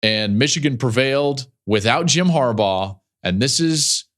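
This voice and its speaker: Middle-aged male podcast host, chatty and casual, mid-range pitch, easygoing filler-heavy delivery. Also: lively intonation, a little slow, fairly bright tone. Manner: chatty, conversational, frequent fillers. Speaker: podcast host and football analyst.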